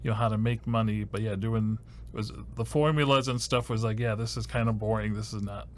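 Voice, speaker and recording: A man's voice: fairly low pitch, fairly even intonation, a little fast, a little hiss or hum. A man in his fifties from Ohio, a podcast host answering interview questions in a rambling way, full of "you know" and dry jokes, recorded in a podcast studio. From Ohio, USA. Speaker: host and first-year university advisor.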